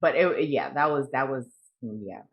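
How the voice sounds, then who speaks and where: A woman's voice: rumbling low, unhurried, vocal fry, muffled recording. A woman co-hosting a casual book review podcast, frank and profane, with many fillers. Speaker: podcast co-host.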